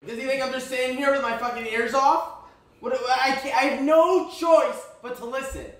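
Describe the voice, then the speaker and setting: A man's voice: very high-pitched, fairly even intonation, moderate pace, fairly bright tone. A young man vlogging at home, complaining animatedly and exasperated, breaking into laughter. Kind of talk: casual chat. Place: home kitchen. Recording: echoey room with background noise.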